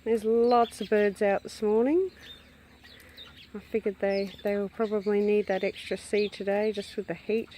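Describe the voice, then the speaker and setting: A woman casually narrating a walk around her farm, chatting fondly and calling to her animals in a high sing-song voice. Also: fairly even intonation, moderate pace, dark tone, slight background noise. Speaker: hobby farm vlogger. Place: outdoors on a rural property. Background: faint birds and farm animals.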